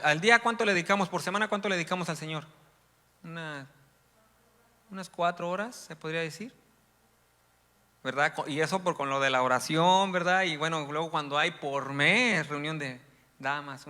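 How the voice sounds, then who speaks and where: Bright-voiced preacher in an echoing hall. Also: male voice, a little high. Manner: rambling, frequent "¿verdad?" asides, rises to loud emphatic reading. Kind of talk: sermon. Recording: long hall reverb.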